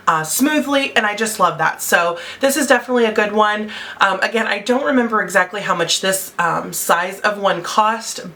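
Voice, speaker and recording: Bright-voiced young woman vlogging. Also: mid-range voice. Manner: chatty, with many fillers. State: out of breath. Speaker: beauty vlogger. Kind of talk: casual product review. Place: home, natural window light.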